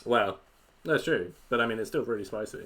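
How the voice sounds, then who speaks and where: A man's voice: fairly low pitch, lively intonation, brisk, a bit bright, slight background noise. Stammering man running a tabletop game. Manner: stammers and repeats words, chuckles often. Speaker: game master.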